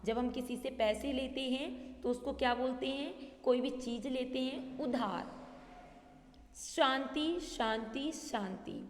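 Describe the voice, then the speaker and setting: Slow, echoey woman teacher. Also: on the high side. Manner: slow and deliberate, repeating words syllable by syllable. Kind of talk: recorded class lesson. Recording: echoey room with long reverb.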